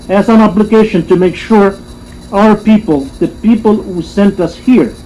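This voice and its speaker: Male delegate, formal speech, mellow tone, faint live-stream noise. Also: high-pitched, rough recording. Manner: measured, emphatic repetition. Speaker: convention delegate. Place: assembly hall.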